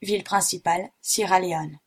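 A woman voicing a grave, unflappable young boy who answers in a calm, matter-of-fact recitation. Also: lowish voice, normal speed, breathy edge.

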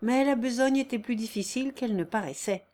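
A woman's voice: on the high side, fairly quick, a little mellow. Woman narrating a classic novel. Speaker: audiobook narrator.

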